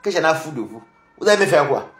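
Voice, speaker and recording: Taunting man, lively roomy rant. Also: on the high side, fast talker. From Cameroon. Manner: taunting, combative, mocking. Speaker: social media commentator. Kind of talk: heated social media rant. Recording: roomy echoey room.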